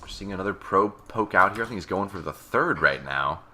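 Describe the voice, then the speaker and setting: Deep bright-toned joking game caster. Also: male voice, expressive, brisk, slight background noise. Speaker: esports caster. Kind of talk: play-by-play commentary.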